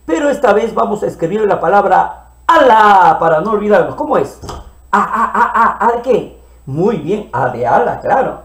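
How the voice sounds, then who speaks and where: A man teaching children to read, playfully sounding out syllables slowly and repeating them. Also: high-pitched, big pitch swings, a bit bright, echoey room. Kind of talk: early reading lesson for children.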